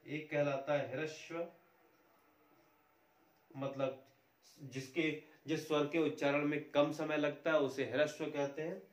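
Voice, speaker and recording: Slow, patient man teaching in an echoey room. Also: on the high side, little pitch movement, far from the mic. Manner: slow explanatory, restates and repeats points. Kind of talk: Hindi grammar lesson.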